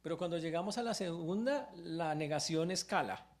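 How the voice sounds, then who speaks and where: A man preaching a sermon as pastor in church, retelling a story with lively exclamations. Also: a little high, normal speed.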